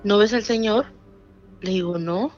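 A woman with a Mexican Spanish accent tells a true scary story in casual conversation, acting out the voices of the people involved with quoted dialogue. Her mid-range voice is a little slow, the recording muffled, with soft music in the background.

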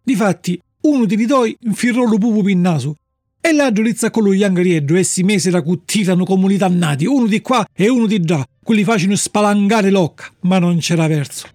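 A man telling a storybook tale in lively narration. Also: sits high, fairly quick, no room sound, clean studio sound.

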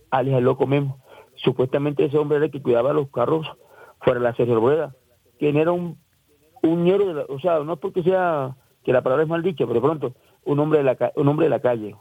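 A man with a Colombian Caribbean coast accent recounts his own story, circling back and restarting his sentences. His voice is gravelly and breathy. The sound is dry and thin, like a phone call. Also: mid-range voice, dry recording. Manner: rambling, repeats and restarts, acts out quoted voices. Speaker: interviewee. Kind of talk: emotional first-person account. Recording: dry, tinny phone-like line.

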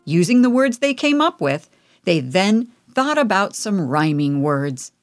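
A woman hosting a children's program, explaining steps in a lively, sing-song way. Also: mid-range voice, a little slow, dry recording, clean studio sound, faint music behind. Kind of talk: narration for children.

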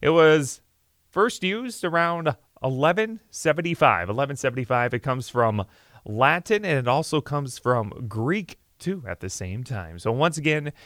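A man's voice: mid-range voice, measured pace, no room sound, studio quality. A man hosting a morning radio show with cheerful, upbeat patter. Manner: cheerful, lively delivery. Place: radio studio.

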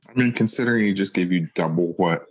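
A man's voice: low voice, fast talker, rough recording. A man playing a tabletop game, talking casually with many fillers. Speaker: player.

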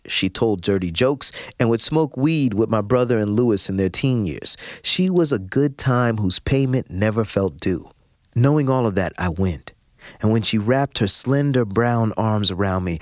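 A man narrating a personal story in the first person, reflective and expressive with dramatic pauses. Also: fairly low pitch, no room sound, clean studio sound. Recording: music bed under the voice.

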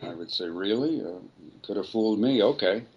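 An older man, a voice actor, telling a rambling, relaxed story in an interview. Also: lowish voice, normal speed, breathy edge, muffled recording. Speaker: voice actor guest. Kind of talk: anecdotal storytelling.

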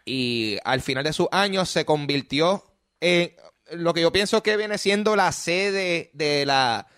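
Young Puerto Rican podcast host, loose and profane, slightly high pitch, dry sound. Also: male voice, a bit bright, clear, resonant tone, no echo. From Puerto Rico. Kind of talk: casual chat.

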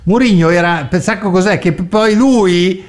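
A man's voice: sits high, measured pace. Playful laughing radio host man. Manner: playful, laughs often, teasing corrections. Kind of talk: comedy radio interview.

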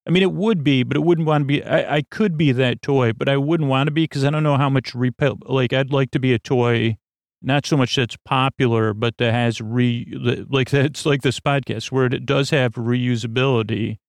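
A man hosting a sleep podcast, talking in a slow, creaky, rambling bedtime monologue full of stumbles and self-mocking tangents. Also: medium pitch, steady tone, dry recording.

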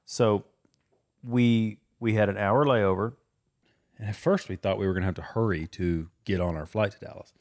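A young man co-hosting a casual chat, telling a story in a steady, drawn-out way. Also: fairly low pitch.

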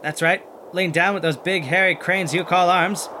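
A man's voice: high voice, moderate pace, background noise, close to an everyday voice. A man playing a plucky, kindhearted, wisecracking monster hunter who narrates and acts in a children's audio adventure with folksy exclamations. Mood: friendly. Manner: folksy exclamations, animated chatter to sidekick.

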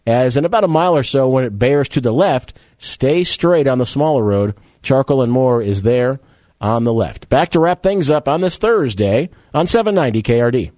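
A man's voice: medium pitch, lively intonation, normal speed, a little mellow, no echo. Chatty male sports radio host. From Rochester, New York area. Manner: chatty, wry asides, rattling off details. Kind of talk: sports talk radio monologue and live read. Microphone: studio mic.

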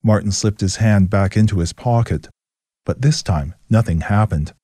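A man giving a scripted, steady story narration. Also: fairly low pitch, moderate pace, slightly rough, dry recording, clean studio sound.

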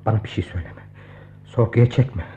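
An actor playing an anxious, guilt-ridden young clerk in a radio play, stammering and pleading. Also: male voice, fairly low pitch, brisk, mellow, slight background noise, lightly acted. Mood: despairing. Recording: thin phone-like old radio recording.

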